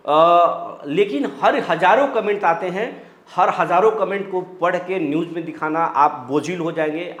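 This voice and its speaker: A man with a somewhat high voice hosts a news commentary, calmly explaining and reading viewers' comments aloud. His delivery is reassuring and steady, with pauses between phrases. The recording has a noticeable roomy echo. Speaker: news channel host.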